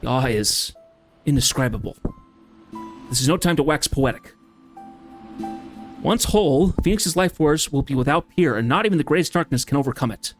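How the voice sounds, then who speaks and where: A man's voice: fairly high pitch, expressive, normal speed, long pauses, faint music behind, close to an everyday voice. A man reading as a solemn, formal swordsman. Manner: grave, formal, declamatory. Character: solemn male swordsman bearing a sacred blade.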